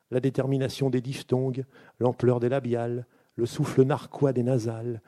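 A man hosting a literary show who reads a book passage aloud in a measured, deliberate way, then questions the author. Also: mid-range voice, dark tone.

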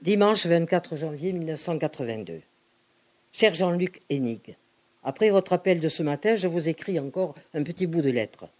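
A woman giving an expressive, outspoken dramatic reading of letters. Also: low-pitched, normal speed. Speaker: reader.

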